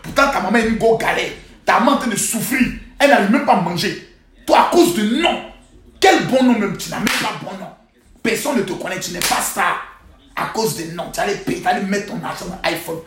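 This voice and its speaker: Preachy high-voiced man ranting on a livestream. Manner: preachy, scolding rants with loud outbursts and sudden quiet asides. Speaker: livestream host. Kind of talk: live social-media monologue. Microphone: phone. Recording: roomy echo.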